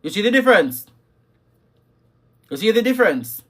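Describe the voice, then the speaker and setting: A man's voice: sits high, big pitch swings, normal speed, sharp tone. A man hosting a live talk on parenting, emphatic and scolding, repeating his key lines and reading viewer comments. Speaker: livestream host.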